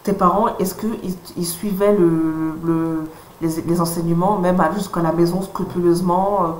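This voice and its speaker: A woman interviewer with a fairly low voice. She asks her questions hesitantly, restarting and filling pauses. The recording sounds roomy, with a faint hum of noise. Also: fairly even intonation. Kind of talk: casual interview.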